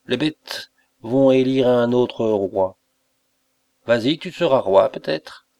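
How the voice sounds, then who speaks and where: A man's voice: mid-range voice, lively intonation, takes it slowly, creaky, darkish tone, no room sound. A man reading aloud and voicing a sly, cackling old beggar woman with a drawling, nasal tone, as in a spoken storybook. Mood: prophetic. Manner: mocking, ominous.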